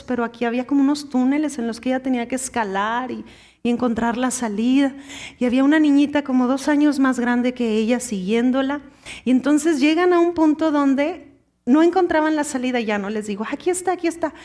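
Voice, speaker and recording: A woman in her thirties preaching an impassioned sermon, swinging from loud exhortation to hushed whispers. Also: sits high. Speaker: pastor.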